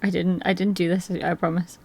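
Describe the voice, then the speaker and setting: A woman streamer with a hoarse, gravelly voice chats casually with her live viewers from her desk, rambling and laughing often. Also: fairly low pitch, flat delivery, fairly quick, a little mellow. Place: at a desk indoors.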